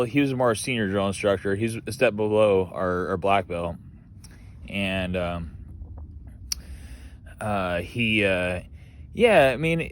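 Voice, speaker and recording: A man tells casual stories in a rambling, profanity-laden way, laughing often between phrases. His voice sits at an ordinary middle pitch. The recording is dry, with no room sound. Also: dry recording. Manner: rambling, heavy swearing, frequent laughter. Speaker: Marine veteran storyteller. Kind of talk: casual storytelling.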